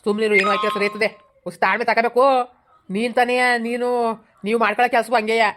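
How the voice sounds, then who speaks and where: A village woman elder, acted by a woman gives quick, slightly high-pitched advice to settle a family squabble, with a rural Karnataka Kannada accent. She switches between soothing and scolding. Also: level tone, background noise, natural voice. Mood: calming.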